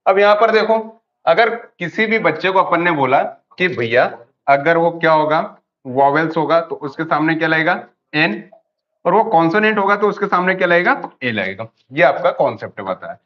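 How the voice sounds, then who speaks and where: A man's voice: on the high side, expressive, moderate pace. A man teaching English grammar in an online class, asking questions and answering them himself over and over. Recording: dull lo-fi audio.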